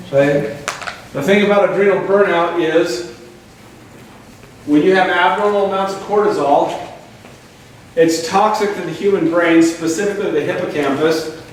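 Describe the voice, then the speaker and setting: A man giving a lively health workshop lecture to a live audience, asking them questions and adding sarcastic asides. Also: high voice. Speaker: chiropractor presenting a health workshop. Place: large echoey room with a live audience. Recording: very echoey room, distant mic, faint noise.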